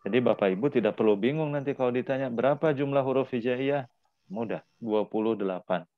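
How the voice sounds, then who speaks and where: A man's voice: medium pitch, animated, a little fast, dry recording, narrow, tinny audio. A man teaching Arabic in an online class, patiently repeating words for his students to drill.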